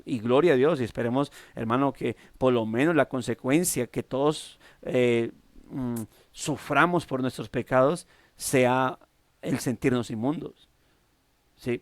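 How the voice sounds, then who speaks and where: A man with a Colombian accent preaching a devotional sermon, halting with many restarts and fillers. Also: mid-range voice, dry recording. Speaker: pastor.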